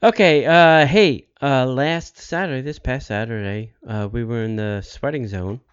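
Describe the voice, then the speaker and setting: A man with a smooth, clear voice hosts a podcast, running through announcements casually. His delivery halts and circles back to repeat details. The sound is a bit dull. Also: mid-range voice, a little slow. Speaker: podcast host.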